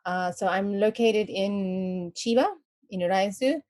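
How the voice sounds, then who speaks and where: A woman's voice: mid-range voice, unhurried, darkish tone. A woman with a South African accent, a martial arts guest, introducing herself in a friendly, casual interview chat over a video call. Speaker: guest, aikido practitioner.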